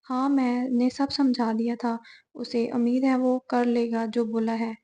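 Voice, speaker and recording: Woman narrator as a cheeky young hero; playful, dark-toned. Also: fairly high pitch, little pitch movement, unhurried, natural voice. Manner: teasing, laughing.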